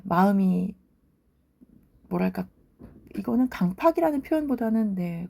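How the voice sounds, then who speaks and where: A woman's voice: medium pitch, mellow. A woman talking casually and reflectively about a TV drama, musing aloud as she goes. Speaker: drama reviewer. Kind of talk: casual commentary.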